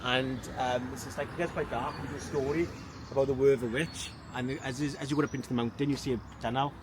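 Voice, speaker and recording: A man's voice: medium pitch, steady tone, quick pace, a crowd in the background. A man, a community volunteer explaining things informally in an interview. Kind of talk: casual interview. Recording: outdoors with clear traffic noise.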